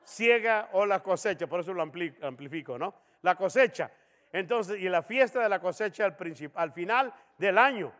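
A man preaching a sermon as pastor in a church, animated, acting out the voices of people in his examples. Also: high voice, normal speed, hardly any pauses, long reverb tail. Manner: animated, acts out dialogue voices.

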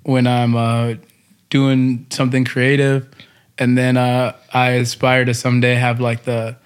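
American male co-host from Texas, medium pitch, slangy, casual conversation. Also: monotone, measured pace, clear, resonant tone. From Texas, United States. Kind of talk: casual chat.

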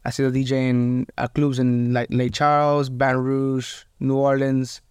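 A man's voice: medium pitch, monotone, slow pace, darkish tone, clear, resonant tone, no room sound. A man from the United States, a podcast guest who talks in a laid-back, hesitant way with short answers. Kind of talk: casual interview chat.

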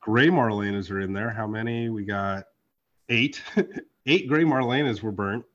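A man hosting a casual podcast chat, animated and profane, swinging from loud outbursts to low asides. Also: moderate pace, lo-fi sound. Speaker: podcast host and card artist.

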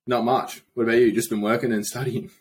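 A man's voice: medium pitch, little pitch movement, fast talker. A young man with a broad Australian accent, a podcast guest chatting in a blokey, slangy, informal way. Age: young adult. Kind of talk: casual chat.

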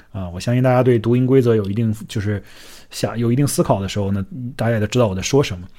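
A man's voice: medium pitch, dark tone. Chatty, self-mocking male podcast host. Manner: chatty and self-deprecating, slips English words into his talk; slows down to sound out foreign words carefully. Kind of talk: casual solo podcast talk.

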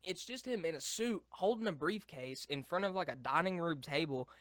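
A man's voice: fairly high pitch, lively intonation, normal speed, fairly bright tone, no room sound, studio quality. A young man co-hosting a casual podcast, rambling and swearing, laughing often as he tells stories. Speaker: podcast co-host. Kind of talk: casual chat.

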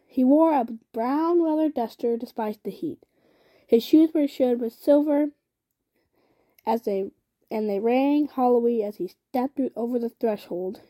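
A young woman reading a novel aloud in a casual way. Her voice sits fairly high with a mellow tone. She often trips over a word and starts the phrase again. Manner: reads with frequent slips and restarts. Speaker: reader.

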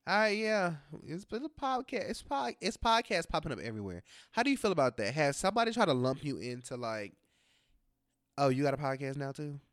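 A podcast co-host chatting casually with a smooth, resonant voice recorded close and dry. The pitch sits at an ordinary middle height. The delivery is relaxed, with hesitant restarts. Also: a little fast, no room sound. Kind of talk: casual chat.

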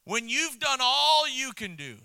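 Male missionary preacher, very bright sharp tone, dry close sound, animated sermon delivery. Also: extremely high pitch, unhurried, vocal fry, smooth, no room sound, poor audio. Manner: animated storytelling, swings to shouting; chuckles between points.

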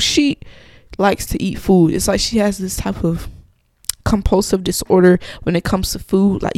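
A young woman hosts her own podcast and talks straight to her listeners in a loose, blunt storytime voice. She swears freely and talks with her hands in her voice, animated and frank. Her pitch sits in the middle, and the sound is dry and close, with no room around it. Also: no room sound. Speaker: podcast host. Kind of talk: casual storytime monologue.

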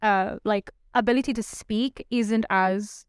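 A woman's voice: medium pitch, unhurried, clean tone, dry recording, clean studio sound. A woman raised outside Pakistan, whose first language was Urdu, co-hosting a podcast in casual, emphatic chat. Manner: animated, emphatic, repeats herself for stress. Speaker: podcast co-host.

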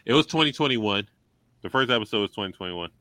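A man's voice: fairly low pitch, animated, quick pace, pushed and bright, no room sound. A man hosting a casual group discussion, blunt and opinionated, with swearing in his talk. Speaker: discussion host.

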